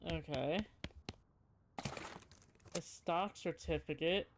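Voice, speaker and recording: A game streamer giving casual playthrough commentary and reading game text aloud, hesitant and thinking out loud. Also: medium pitch, slow pace, noisy background.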